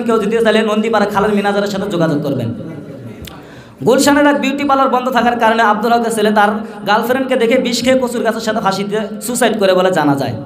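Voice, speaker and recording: A man performs as a parody news anchor with a very high voice, rattling off mock-serious bulletins at a quick pace. The delivery is formal comedy, recorded in an echoey hall. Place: echoey room or hall at a madrasa event.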